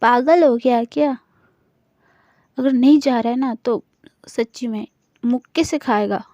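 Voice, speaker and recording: A woman's voice: sits high, fairly even intonation, a little slow, dark tone, no echo, lo-fi sound. A woman voicing a dramatic young woman who keeps begging her best friend for help. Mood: irritated. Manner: whiny and begging, repeats please. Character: pleading, dramatic young woman, hates being pursued.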